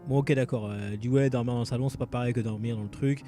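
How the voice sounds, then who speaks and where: This gamer speaks rapid-fire at a medium pitch, his intonation staying fairly even. Playing through a game at home at night, he rambles and jokes about himself in casual commentary, with plenty of fillers and false starts, while faint music runs underneath.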